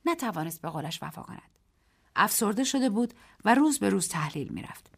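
A woman narrating a short story on a radio program in a measured, expressive way. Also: mid-range voice, creaky, husky.

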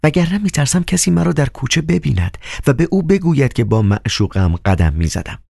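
A man's voice: a little high, very animated, gravelly, darkish tone, slightly rough, no echo, studio quality, voice pushed up, exaggerated voice. A man voicing a proud, cold young woman with a biting, teasing manner in an audiobook. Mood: cold, haughty. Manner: biting, haughty, coquettish. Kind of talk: audiobook character voice.

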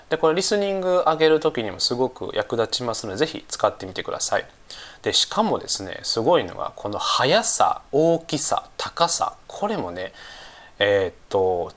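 A man gives a casual English lesson, his nose slightly stuffy from a cold. He speaks unhurriedly, using many fillers and slowly repeating phrases, in a medium-pitched, somewhat bright voice.

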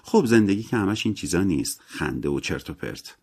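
A man voicing a gentle, eager young woman visitor who talks softly and drawn-out in a story reading. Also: deep voice, lively intonation, breathy edge, full character voice. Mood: wistful.

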